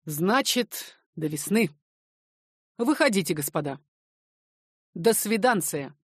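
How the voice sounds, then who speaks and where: A woman reading the part of a practical merchant man who gives brisk orders. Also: mid-range voice, lively intonation, husky, no echo, clean studio sound.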